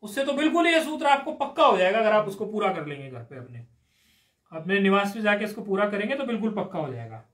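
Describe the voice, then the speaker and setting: High-voiced man teaching Sanskrit grammar. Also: very animated, fast, a bit bright. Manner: patient, explains step by step, questions students. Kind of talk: live classroom lesson. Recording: roomy echoey room.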